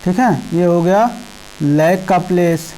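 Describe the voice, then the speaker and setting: A woman teaching a primary school math lesson, explaining place values slowly and repeatedly checking in with the children. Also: lowish voice, mellow, slight background noise, rough recording. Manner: slow, repetitive explaining with frequent "ठीक है" checks. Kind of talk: class 5 math lesson in Hindi with English number words.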